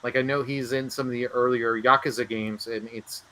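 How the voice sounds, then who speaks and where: A man co-hosting a casual gaming podcast, talking excitably with stammering restarts. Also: medium pitch, fairly quick. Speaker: podcast co-host.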